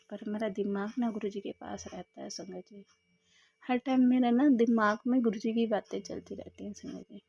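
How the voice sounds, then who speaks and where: A woman's voice: medium pitch, dark tone, slightly rough, no echo. A woman sharing a fervent devotional testimony, repeating herself often and addressing the listeners directly. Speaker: devotee sharing a satsang experience.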